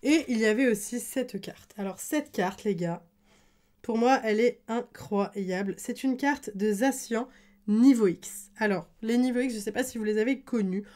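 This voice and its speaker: A young woman giving casual unboxing commentary as a card-collecting YouTuber, chatty and enthusiastic, often pausing on fillers. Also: a little high, a little mellow.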